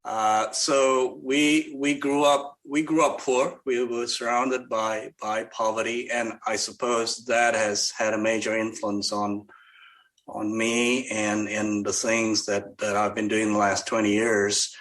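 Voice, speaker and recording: An older man from Malaysia answering interview questions conversationally, haltingly, often repeating words as he goes. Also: on the low side, level tone, fairly bright tone, low-quality recording. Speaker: podcast guest, investor.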